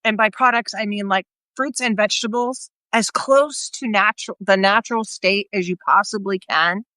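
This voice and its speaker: A woman's voice: medium pitch, normal speed, pushed and bright, no room sound. A woman talking casually in a live video chat, rambling and restarting her sentences as she explains. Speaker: guest speaker on health. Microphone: video call.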